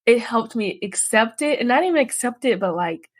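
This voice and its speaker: A woman guest in a candid podcast interview, talkative and expressive, often laughing as she tells stories about herself. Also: fairly high pitch, moderate pace, no echo.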